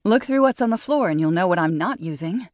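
A woman's voice: fairly low pitch, lively intonation, brisk, a little mellow, dry recording, clean studio sound, natural voice. Woman voicing a coldly furious woman perfumer. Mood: cold anger. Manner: clipped, cold. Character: proud young woman perfumer, tightly restrained anger.

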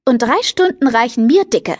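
A woman's voice: fairly high pitch, animated, normal speed, a little mellow, dry recording, clean studio sound, pitched above the performer's own voice. A woman reading a bubbly, fashion-crazy teenage girl who plays matchmaker, chirpy and pushy in an audiobook.

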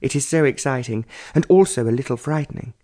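A man's voice: mid-range voice, quick pace, dark tone, voice pushed up, close to an everyday voice. A man voicing a pretty young society woman who is dreamy and lovestruck, talking in a gushing, sighing way.

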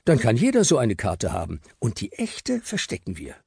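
A man's voice: fairly low pitch, huge pitch swings, normal speed, gravelly, mellow, breathy edge, no room sound, studio quality, pitched above the performer's own voice, exaggerated voice. A man voicing a feisty, helpful girl standing up for herself. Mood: assertive. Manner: assertive.

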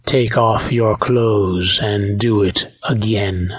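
A stern male dance instructor, as the audiobook narrator puts him on, gives his orders in a low, husky voice. His tone stays flat and unaffected, slow and commanding. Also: no echo, clean studio sound.

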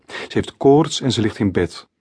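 A man's voice: on the low side, lively intonation, normal speed, mellow, slightly rough. A man voicing a grumpy, reluctant male substitute teacher in a children's story.

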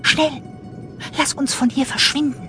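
A woman reading a storybook, voicing a small timid young blue fish in a high, frightened voice. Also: lively intonation, normal speed, fairly bright tone, soft background music, lightly acted. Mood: scared.

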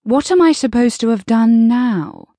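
A brash young sister with a bright, raised voice and a teasing, pushy edge, her pitch swinging up and down as she needles in a woman narrator's reading. The lines are unhurried and recorded close and dry, as in an audiobook studio. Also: expressive, dry recording. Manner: pushy, playful and matter-of-fact. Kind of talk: audiobook dialogue.

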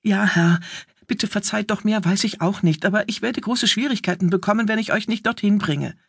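A woman voicing a frightened young male messenger under twenty who begs anxiously in a raised, husky voice, as in an audiobook. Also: takes it slowly, dry recording, studio quality, heavily acted. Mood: pleading, anxious. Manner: high, anxious, begging.

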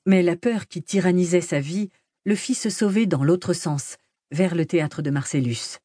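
A woman narrating a novel as an audiobook, in a measured, even storytelling manner, close to the mic. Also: on the low side, no room sound. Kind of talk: scripted narration. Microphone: close studio mic.

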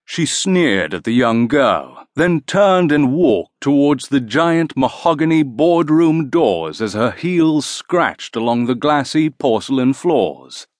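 A man narrating a children's audiobook in an expressive storytelling manner. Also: mid-range voice, dry recording, clean studio sound. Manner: slow, expressive.

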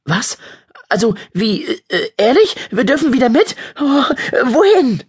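A man voicing an eager, pushy young boy who bursts out in breathless, high-pitched lines. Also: wildly swooping pitch, moderate pace, a bit bright, slightly rough, exaggerated voice. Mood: excited.

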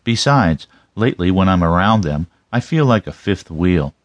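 A male narrator plays a seasoned detective in a crime audiobook. He is wry and matter-of-fact, low in pitch, with a dry, close sound. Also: expressive, normal speed, no echo, lo-fi sound. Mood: dismissive. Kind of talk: audiobook character dialogue.

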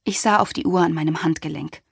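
A woman narrating a contemporary novel in the first person, with a wry, lively storytelling manner, recorded on a studio microphone. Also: low-pitched, fast talker, vocal fry, slightly rough, dry recording. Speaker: audiobook narrator.

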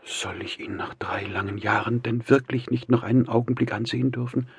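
A man's voice: mid-range voice, fairly even intonation, fairly quick, vocal fry, breathy edge, dry recording, pitched above the performer's own voice. A man voicing a timid, anxious older mother in an audiobook, speaking in a pleading way. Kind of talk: audiobook character voice.

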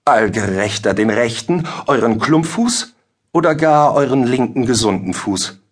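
A man's voice: medium pitch, animated, a little slow, husky. A man voicing a flustered, sly old village judge who blusters and dodges questions. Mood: grumbling. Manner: blustering, evasive.

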